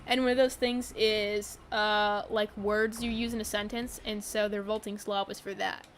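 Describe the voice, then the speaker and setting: A woman's voice: mid-range voice, level tone, moderate pace, slight background noise. A woman chatting casually while streaming a game, tired and yawning, rambling with lots of fillers and giggles.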